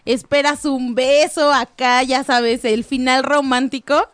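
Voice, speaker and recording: A woman's voice: high voice, steady tone, measured pace, no echo. A woman co-hosting a casual podcast, walking through points and teasing the others. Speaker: podcast co-host. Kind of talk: casual chat.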